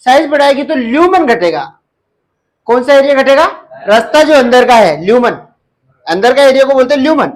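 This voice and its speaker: In this poor-quality recording, a man who teaches nursing exam prep talks fairly quickly in a very high voice with lively intonation. During his live class he lectures, asks the students question after question, and drills key terms by repeating them.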